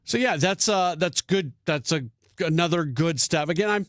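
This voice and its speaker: Fairly high-voiced man, sports radio host. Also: moderate pace, a bit bright, no room sound, clean studio sound. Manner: thinking aloud with frequent restarts and fillers.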